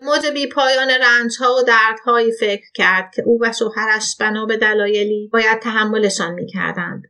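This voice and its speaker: A woman and regular host who calmly narrates a literary short story aloud. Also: a little high, hardly any pauses, clean tone.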